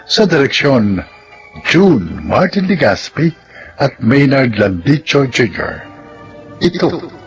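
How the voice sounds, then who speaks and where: A man's voice: medium pitch, big pitch swings, slow, pauses often. Solemn male drama announcer. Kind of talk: scripted narration. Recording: narration over loud music.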